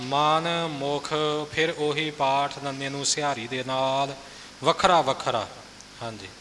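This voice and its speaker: A man teaching scripture recitation, repeating lines slowly and correcting pronunciation. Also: mid-range voice, in a large hall, a little hiss or hum. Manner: calm instructive corrections, repeats phrases slowly.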